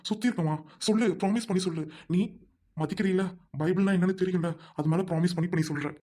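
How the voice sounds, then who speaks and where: Brief: man playing a firm young groom, rapid delivery, warm dark tone, forceful when angry. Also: high voice. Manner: forceful scolding, then gently reassuring. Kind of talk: amateur audio drama.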